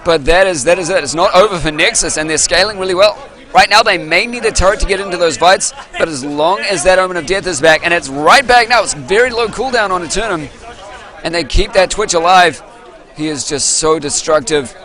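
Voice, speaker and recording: A man casting a live esports match, excitable and rambling, losing his voice, at a venue with an audience. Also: high-pitched, fairly quick. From New Zealand. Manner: excitable, rambling, self-interrupting. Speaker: esports caster.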